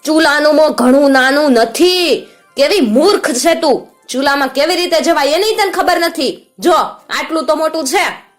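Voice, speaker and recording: A woman voicing a cruel, greedy, half-blind old witch woman who barks orders and scolds in a shrill voice. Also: animated, moderate pace, soft background music, natural voice. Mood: scolding.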